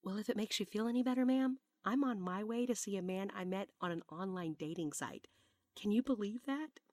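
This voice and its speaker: A woman's voice: medium pitch, brisk, darkish tone, no echo, clean studio sound, close to an everyday voice. A woman voicing a polite, friendly young woman traveling alone.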